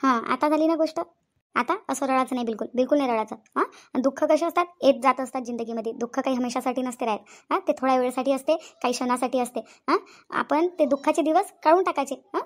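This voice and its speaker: Woman voicing a reassuring cartoon friend; high and brisk, gently coaxing. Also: close to an everyday voice. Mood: soothing. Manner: soothing, reassuring, asks "hm?" often. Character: comforting female friend, adult woman. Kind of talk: Marathi cartoon voice acting.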